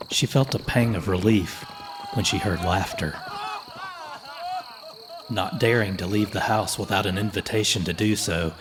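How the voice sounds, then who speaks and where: A man reading a folklore horror story as a slow, measured, solemn scripted narration. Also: low voice, noisy background. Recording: music playing under the voice.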